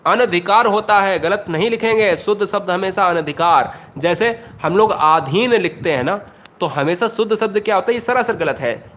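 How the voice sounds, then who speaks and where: A man's voice: sits high, fairly bright tone. A man teaching an exam-prep Hindi lesson, emphatic, often repeating questions and speaking straight to his students.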